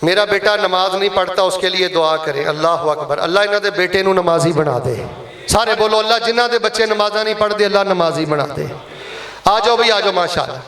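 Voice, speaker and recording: Man, Punjabi accent, mosque preacher, urging congregation to give, high voice, reverberant hall. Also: a little fast, a bit bright. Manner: urging, coaxing and blessing the congregation. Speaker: preacher leading a mosque fundraising appeal. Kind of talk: Friday sermon fundraising appeal.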